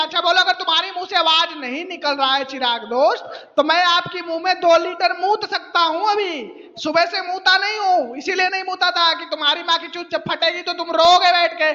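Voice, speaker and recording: A man's voice: extremely high pitch, bright, forceful tone, long reverb tail, muffled recording. A male caller hurling jeering, repetitive taunts in an abusive voice-call insult battle.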